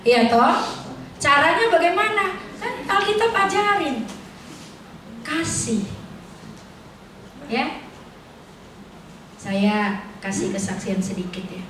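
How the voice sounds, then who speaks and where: A middle-aged woman delivers a casual, conversational sermon, often asking the congregation questions. Her voice sits a little high and rings through a very echoey hall. She is heard from some distance from the mic, with faint noise behind her. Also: big pitch swings, takes it slowly, pauses often, a bit bright. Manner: chatty, colloquial, asks the congregation questions. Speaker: preacher at a prayer fellowship service. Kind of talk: informal sermon with personal testimony. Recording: echoey hall, voice picked up from afar.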